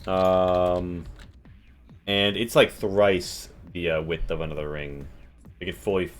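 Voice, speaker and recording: Low-voiced, unhurried male game master. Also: fairly even intonation, faint music behind. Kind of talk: improvised tabletop game narration.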